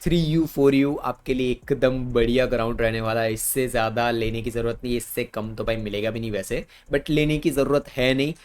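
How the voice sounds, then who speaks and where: A man's voice: mid-range voice, fairly even intonation, brisk, few pauses, darkish tone, smooth. A man with an Indian accent explaining badminton racket choice over slides in casual Hindi, repeating words for emphasis. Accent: Indian Hindi with English terms. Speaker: badminton coach.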